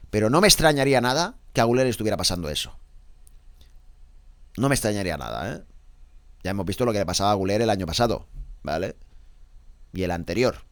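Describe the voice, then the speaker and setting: A man's voice: no echo, clean studio sound. A man from Spain hosting a sports newspaper review, chatting casually and tagging lines with "¿eh?". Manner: chatty, tags lines with "¿eh?", drops to low asides. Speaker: sports press review host. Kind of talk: casual commentary on newspaper covers.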